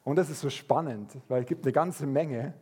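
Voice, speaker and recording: A man preaching a sermon, telling stories in a lively way and acting out the voices of people in them. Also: medium pitch, normal speed, slightly rough. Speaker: pastor.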